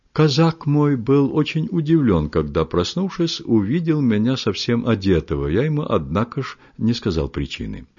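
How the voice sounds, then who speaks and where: A man reading a literary story aloud in a measured, expressive storytelling manner, his voice husky. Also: sits low. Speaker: audiobook reader. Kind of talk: literary audiobook narration. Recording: muffled lo-fi recording.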